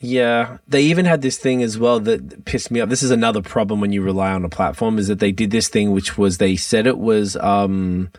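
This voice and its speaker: A man's voice: lowish voice, fairly even intonation, brisk, hardly any pauses, darkish tone, no echo, studio quality, far from the mic. A man chatting casually and bluntly as a podcast host, with plenty of slang and swearing. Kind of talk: casual chat.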